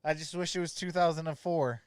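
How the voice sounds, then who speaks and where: Calling plays on a live sports stream, this host keeps things informal, greeting viewers by name as he chats. He talks fairly quickly in a slightly high, clean voice with fairly even intonation. The recording is studio quality, with no room sound.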